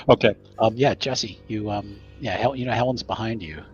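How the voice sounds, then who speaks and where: A man's voice: on the low side, normal speed, slightly rough, highs cut off. A man acting as game master, narrating a tabletop horror game to his players. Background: music.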